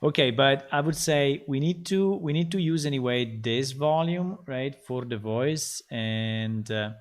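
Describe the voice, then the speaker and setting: Working through things out loud, this man is a game developer on a live stream, speaking casually with frequent stops, restarts, and fillers. His pace is slow and unhurried, and his pitch sits in the middle.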